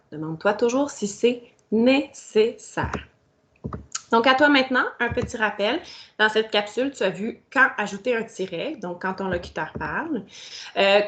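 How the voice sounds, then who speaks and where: A woman's voice: mid-range voice, fairly bright tone. Patient teacher woman. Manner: patient, explaining step by step, speaking directly to the pupil. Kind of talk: recorded grammar lesson for children.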